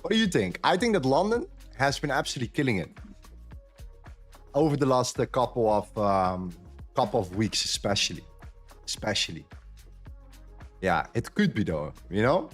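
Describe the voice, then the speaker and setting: A man's voice: mid-range voice, very animated, normal speed, pauses often, soft background music. A man from the Netherlands, chatting candidly on a trading live stream and repeating phrases for emphasis. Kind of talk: casual chat on a live stream.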